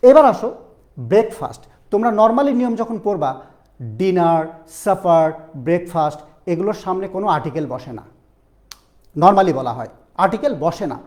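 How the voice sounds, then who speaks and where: A male teacher from Bangladesh leads an online admission-prep class in a mellow, warm voice that swings up and down. He keeps asking his students questions and says the key phrases slowly, again and again. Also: high-pitched, lively intonation.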